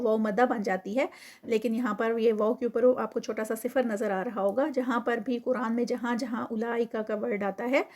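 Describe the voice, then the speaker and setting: A woman giving a tajweed lesson, explaining recitation rules briskly and mixing in English terms, then reciting words slowly and drawn out. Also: fairly high pitch, darkish tone. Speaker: Quran recitation teacher.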